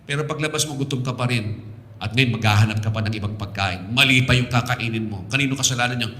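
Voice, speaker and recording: A Filipino man preaching a sermon from the pulpit, mixing Tagalog and English and building to loud, passionate appeals. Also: medium pitch, fast. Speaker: pastor. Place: church sanctuary. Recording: echoey church hall, slightly distant.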